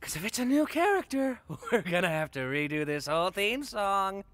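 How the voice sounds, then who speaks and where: A brash, snarky cartoon character, high-pitched and bright. The delivery jumps around in pitch, with faint noise behind it. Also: male voice, big pitch swings, normal speed. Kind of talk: animated cartoon voice acting.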